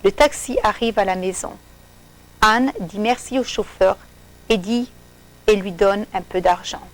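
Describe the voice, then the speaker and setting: A woman narrating a simple storybook for learners, reading slowly and clearly in short sentences. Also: medium pitch, poor audio.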